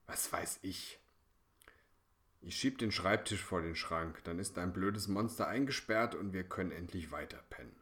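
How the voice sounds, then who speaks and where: A man's voice: sits low, normal speed, fairly bright tone. A man voicing an irritated, bossy older brother in a children's story. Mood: dismissive. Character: grumpy annoyed big brother, a boy.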